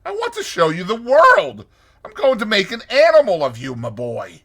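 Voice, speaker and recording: Storybook toad gentleman: boastful, pleading, very high-pitched, forceful. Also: wildly swooping pitch, normal speed, vocal fry, full character voice. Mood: imploring. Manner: exclamatory, wheedling, showy. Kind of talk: dramatized storybook reading.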